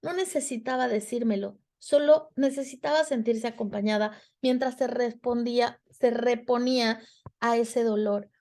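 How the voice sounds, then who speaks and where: A woman's voice: fairly high pitch, fairly even intonation, moderate pace, a little mellow. A woman with a Mexican Spanish accent giving a reflective talk to students about emotions, speaking expressively and acting out quoted dialogue.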